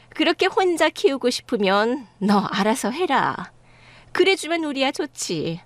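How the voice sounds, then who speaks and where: A woman's voice: fairly high pitch, no room sound. A woman voicing a scornful, domineering middle-aged mother-in-law in a dramatized story. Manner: sneering, scolding.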